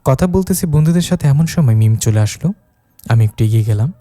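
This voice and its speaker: A man reading a romantic story in the first person, voicing every character and raising his pitch for the young wife. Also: lively intonation, brisk, mellow, dry recording. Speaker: narrator. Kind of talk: scripted story narration with voiced dialogue.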